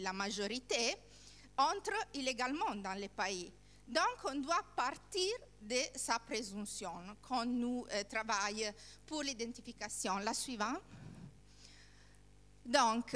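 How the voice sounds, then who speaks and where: A woman trainer speaks in a fairly high voice at a slow pace. She searches for words in non-native French as she leads a workshop. Long reverb from a hall surrounds her. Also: fairly bright tone. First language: not French. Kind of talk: informal workshop presentation with questions to participants.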